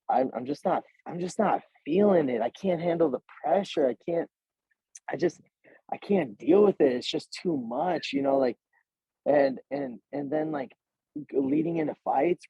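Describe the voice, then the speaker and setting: A man in his twenties speaks as a guest in a casual interview. His voice is husky and gravelly, and he talks slangy and earnest, swearing freely and acting out both sides of the conversations he recalls. The recording sounds dry and a bit dull, like a lo-fi setup. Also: a little high, no echo. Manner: slangy, swears freely, says "bro" a lot; retells scenes by voicing both sides of the talk. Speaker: interview guest, pro fighter.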